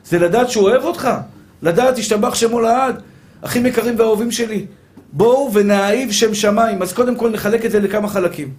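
A man's voice: sits high, darkish tone. A man, a rabbi, preaching a fervent sermon that repeats its points, stumbles on restarts and calls his listeners brothers.

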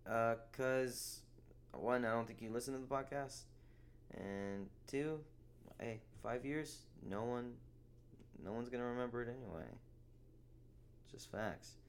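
A man's voice: medium pitch, a little slow, long pauses, slight background noise. A young man hosting a casual solo podcast, rambling and swearing, with a sarcastic streak. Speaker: podcast host.

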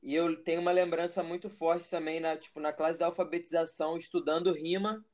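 Young man telling his story, relaxed. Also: on the high side, brisk. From Brazil. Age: 20s. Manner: relaxed, reflective, rambling with fillers. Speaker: musician guest. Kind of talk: casual interview.

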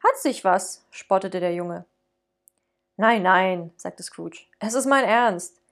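A woman reading a classic Christmas story aloud, giving the characters lively voices. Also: mid-range voice, slow pace, creaky. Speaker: podcast host reading a story.

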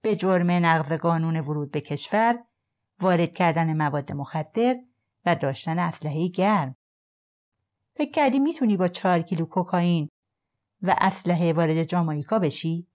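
A woman's voice: fairly low pitch, a little mellow, natural voice. A woman voicing a stern male police officer who coldly makes an arrest in an audiobook. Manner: curt, firm, mocking.

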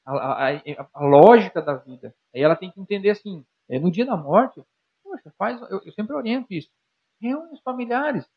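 A man's voice: sits high, normal speed, husky. A man with a Brazilian Portuguese accent, a psychologist guest, explaining with examples and putting rhetorical questions straight to the listener. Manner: animated, talks to the listener directly with rhetorical questions. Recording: dull lo-fi sound.

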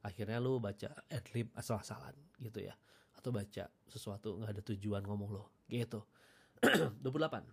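A man who works as a radio announcer, talking casually about habits of announcers, mixing in English phrases and often clearing his throat. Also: fairly low pitch, brisk. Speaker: radio announcer giving tips. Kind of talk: casual Jakarta-slang talk.

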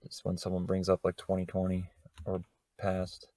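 A man's voice: low voice, monotone, normal speed, mellow, no room sound. A man co-hosting a casual podcast in a laid-back, teasing way. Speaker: podcast co-host. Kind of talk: casual chat.

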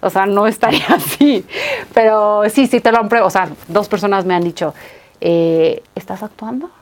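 A woman's voice: medium pitch, moderate pace. A young woman, an actress guest chatting casually in an interview, telling stories with lots of laughter and acting out quoted lines. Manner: animated storytelling, acts out quoted lines, laughs often.

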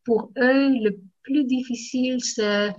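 Slow hesitant Dutch-native woman, muffled. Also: a little high, steady tone, darkish tone. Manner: hesitant, searches for French words, drops in English yeahs. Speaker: language teacher. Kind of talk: casual chat.

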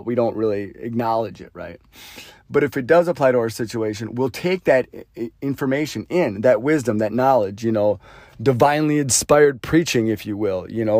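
A man hosting his own podcast, talking through his thoughts in a rambling, earnest way, with many fillers and sentences that trail off quietly. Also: mid-range voice, no room sound, studio quality. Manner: earnest, thinks aloud about faith. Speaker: podcast host. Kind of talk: reflective solo monologue.

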